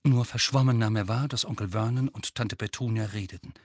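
A man narrating an audiobook in an expressive storytelling manner. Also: fairly low pitch, a little fast, no echo, studio quality. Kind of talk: scripted narration.

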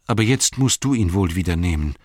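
A man's voice: low-pitched, animated, fairly quick, a little mellow. Sam, a man voicing a loyal earnest hobbit. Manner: earnest, protective. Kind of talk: audiobook character voice.

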